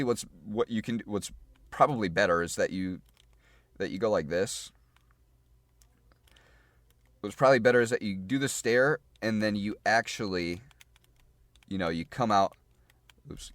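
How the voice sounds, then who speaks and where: Low-voiced man explaining gameplay casually. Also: a bit bright, no room sound. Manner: chatty, repeats himself, thinks aloud while playing. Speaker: gaming guide creator.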